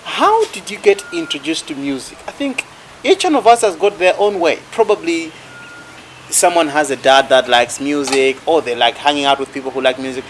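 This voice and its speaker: A man's voice: on the high side, lively intonation, moderate pace, slight background noise. A man hosting an interview, asking curious questions and short follow-ups. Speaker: talk show host.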